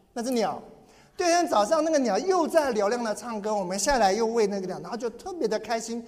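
A man's voice: sits high, darkish tone. A pastor preaching in earnest, telling a personal story and often repeating and restarting his words. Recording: long hall reverb.

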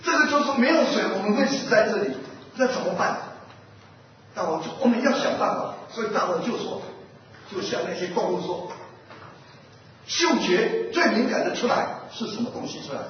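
A man delivers a lively sermon, firing questions at his listeners and acting out a fable about animals. His voice sits unusually high. The recording is muffled and noisy, taken from far off in a strongly echoing hall. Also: fairly quick. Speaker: pastor. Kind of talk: sermon with storytelling.

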